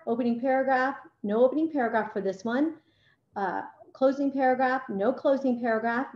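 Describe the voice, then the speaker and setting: A woman's voice: warm tone, echoey room, muffled recording. A woman language arts teacher walking other teachers through a writing lesson with enthusiasm, sometimes acting out how she talks to her class. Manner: enthusiastic, acts out classroom talk in a higher voice.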